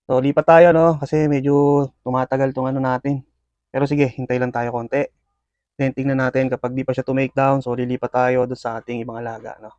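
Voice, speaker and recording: This scorpion keeper narrates feeding time for his viewers, speaking quickly at a medium pitch with lots of fillers and eager commentary. The recording is dry, with the upper frequencies cut off.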